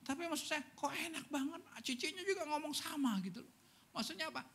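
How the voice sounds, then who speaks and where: A pastor with a high, husky voice delivers a Sunday sermon. He tells stories with animated energy and often turns to address the congregation.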